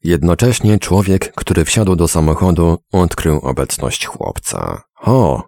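A man giving measured, dramatic scripted narration of a story. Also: sits low, big pitch swings, gravelly, a little mellow, dry recording, clean studio sound. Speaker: audiobook narrator.

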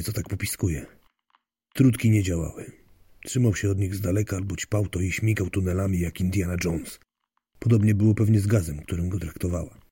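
A man's voice: sits low, dark tone, husky, no echo. A man narrating a story in a wry, dry storytelling manner. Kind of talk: audiobook narration.

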